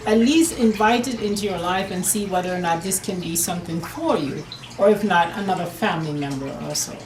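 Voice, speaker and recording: Speaking earnestly in an interview, a Jamaican herbalist and nutrition business owner keeps saying "per se" and starting her sentences over. She talks briskly in a lowish, slightly mellow voice, and the rough recording has a roomy sound with a little background noise.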